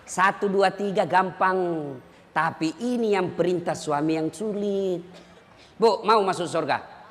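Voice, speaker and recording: High, bright-voiced preacher in a hall. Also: male voice, measured pace, a little hiss or hum. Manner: jokey, teasing, often shouting punchlines. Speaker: Islamic preacher. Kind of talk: humorous sermon to a live audience. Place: large event hall. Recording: long hall reverb at live event.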